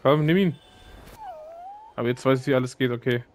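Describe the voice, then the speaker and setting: A man's voice: mid-range voice, a little fast, darkish tone, slight background noise. A man giving casual gaming commentary, grumbling and talking to himself. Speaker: let's player.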